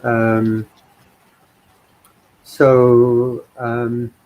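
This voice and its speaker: A man from Liverpool telling his life story as a guest, thoughtful, with many pauses and ums. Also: mid-range voice, completely flat delivery, dull audio. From England, Liverpool. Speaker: guest speaker.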